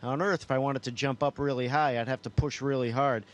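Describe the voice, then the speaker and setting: A man's voice: mid-range voice, fairly even intonation, a little fast. A man, an astronaut, answering questions over a space-to-ground radio link. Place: inside a space station. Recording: noisy space radio downlink.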